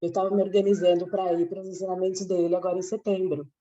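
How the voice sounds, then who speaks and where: Hoarse woman on a muffled call. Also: lowish voice, flat delivery, quick pace, dark tone, slight background noise. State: hoarse from a cold. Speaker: study group participant. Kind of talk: online group chat. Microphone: video call. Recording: muffled distant video call audio.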